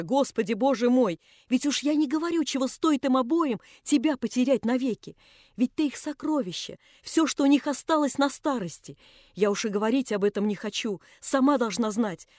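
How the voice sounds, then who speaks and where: A young man begs the woman he loves to turn back, his words rushing out urgent and insistent, read by a woman narrator. The voice is mellow and soft-edged, pushed a little higher and louder. The recording is close and dry, with no room around it. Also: no room sound, close to an everyday voice. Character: young man pleading desperately with his beloved.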